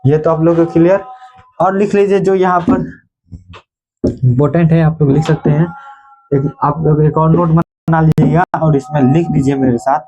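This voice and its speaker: A man teaching a grammar lesson. He keeps asking his pupils questions, answers them himself and repeats key terms slowly so they can be written down. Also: on the high side, mellow. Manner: addresses viewers as "bhai".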